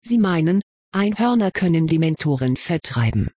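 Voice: medium pitch, expressive, moderate pace, a little mellow, breathy edge, no room sound, studio quality. A reader voicing an earnest young schoolgirl witch in an audiobook reading.

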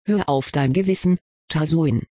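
A gentle young witch, calm and soothing, as a reader brings her to life. Her voice is soft and a little breathy. The sound is dry and close, like a booth recording. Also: medium pitch, moderate pace, dry recording, lightly acted. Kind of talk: audiobook reading of a story.

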